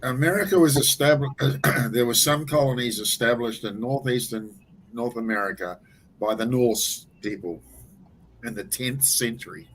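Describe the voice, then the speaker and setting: A man's voice: mid-range voice, normal speed, fairly bright tone, slight background noise, rough recording. A man in a casual group chat, speaking in a dry, teasing way. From New Zealand.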